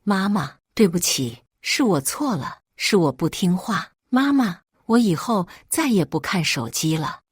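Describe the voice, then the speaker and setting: A young boy in a storybook reading begs through choked tears, as a woman reads him out. His pleas climb and fall with lively pitch, in a dry, close sound. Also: measured pace, hardly any pauses, slightly rough, no echo. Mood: tearful. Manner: pleading, choked. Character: tearful young boy defending his mother.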